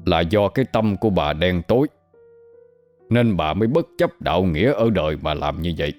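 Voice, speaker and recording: A man's voice: deep voice, expressive, normal speed, darkish tone, soft background music. A man voicing a stern, stubborn older village man who lectures coldly in a told story. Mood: scornful. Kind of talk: storytelling with voices.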